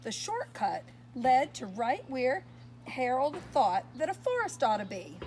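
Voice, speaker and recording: A female storyteller with a high, bright voice reads a children's picture book aloud at a measured pace. Her pitch swoops expressively up and down, and now and then she stops to ask her young listeners what comes next. Faint noise sits under the recording.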